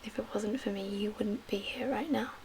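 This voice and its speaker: Whispering breathily and pausing with care, a woman takes on the role of a composed, wary medical officer in a survivor camp for an ASMR piece. She speaks in a mid-range voice, over audible hiss and room ambience.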